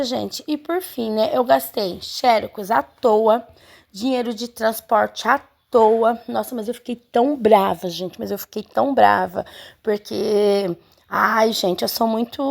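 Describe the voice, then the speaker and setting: A talkative woman from the São of Brazil, telling her followers a story as if chatting with friends. Her voice sits a little high and carries a gravelly fry, and she keeps turning to her audience between thoughts. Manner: chatty, keeps addressing viewers, many fillers. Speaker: home seamstress vlogger. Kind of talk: casual storytelling to viewers.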